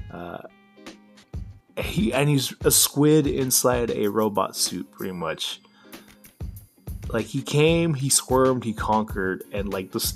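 A man hosting a casual solo podcast about writing, talking in a loose, rambling way with lots of fillers and restarts while he has the hiccups. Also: mid-range voice. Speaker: podcast host.

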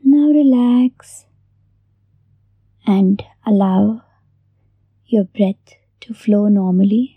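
A woman hosting a guided meditation in a soft, breathy near-whisper, gently giving unhurried instructions with long pauses. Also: medium pitch, no echo, narrow, tinny audio. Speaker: meditation host.

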